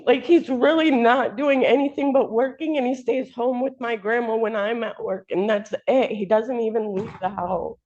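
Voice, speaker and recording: A woman's voice: on the high side, moderate pace, hardly any pauses, darkish tone. A woman making an unscripted, informal plea in court, insistent and colloquial. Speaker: defendant's partner pleading in court. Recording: dull, muffled lo-fi courtroom audio.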